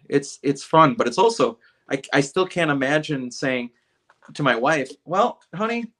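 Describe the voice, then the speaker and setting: In a casual interview, a man hosting a podcast chats at length with his guest in a medium-pitched, somewhat bright voice. He comes across friendly and talkative, frequently starting his sentences over.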